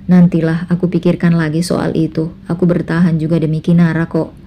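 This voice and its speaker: A woman reading aloud voices a self-assured husband who talks in a casual, offhand way. The voice stays fairly low and mellow, close to her narrating voice in a storybook drama. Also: monotone, fairly quick, a little hiss or hum, close to an everyday voice.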